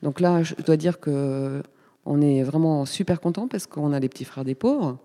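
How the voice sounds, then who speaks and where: A woman in her fifties from Paris, talking as a guest in a casual radio interview, chatty and pausing often with fillers. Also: sits low, warm tone, in a large hall. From Paris, France. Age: 50s. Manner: chatty, hesitant with many fillers. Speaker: guest, community space coordinator.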